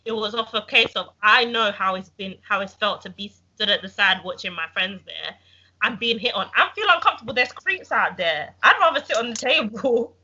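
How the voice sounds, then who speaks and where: Bright, husky young woman. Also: fairly high pitch. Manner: blunt, assertive. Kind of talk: heated casual group debate. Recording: muffled lo-fi sound.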